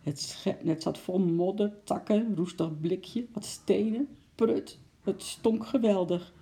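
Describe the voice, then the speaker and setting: A narrator reading a children's story aloud at a steady storytelling pace. The voice is gravelly and very dark. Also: mid-range voice, slow pace.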